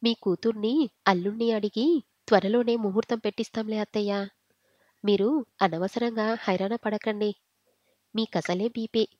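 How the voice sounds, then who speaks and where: A woman's voice: medium pitch, steady tone, moderate pace, long pauses, a little mellow, no echo, highs cut off, natural voice. A woman voicing a patient daughter-in-law. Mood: placating. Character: patient middle-aged daughter-in-law, placating.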